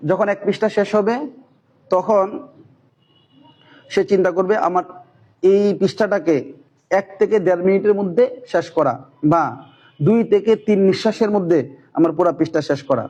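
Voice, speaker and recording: A man, a madrasa teacher giving a methodical, steady lesson on reading the Quran. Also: sits high, muffled recording. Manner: chants Arabic syllables slowly and loudly when demonstrating. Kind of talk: instructional talk on Quran reading.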